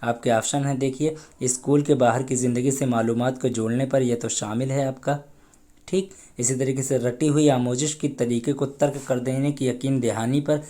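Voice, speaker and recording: A man leads an exam preparation lesson, working through each question and its options. His voice is warm and mellow at an average pitch, and he explains patiently, glossing terms and repeating key phrases. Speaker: exam prep teacher.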